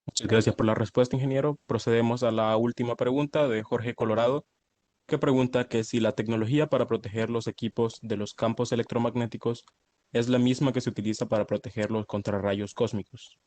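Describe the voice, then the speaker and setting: A man's voice: mid-range voice, steady tone, fairly quick, darkish tone, no echo. A man hosts a formal event as moderator. He reads aloud in an orderly, ceremonious register, and the sound is dry with little room around it.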